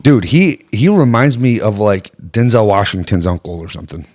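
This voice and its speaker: A man chatting casually on a podcast, quick and enthusiastic with slangy speech. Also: on the low side, lively intonation, a little mellow. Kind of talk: casual chat.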